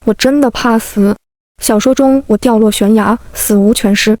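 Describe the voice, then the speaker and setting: A woman reading a first-person story aloud in a calm, even narration, including the dialogue of other characters. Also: a little high, moderate pace, dry recording.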